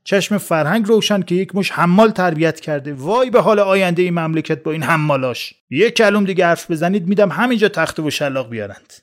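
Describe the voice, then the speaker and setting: A gruff duty officer barks threats and orders in a hard, fairly high voice, as a male narrator puts him on. He is bullying and blunt, told as a spoken story. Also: darkish tone, natural voice. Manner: barking orders, then fawning politely.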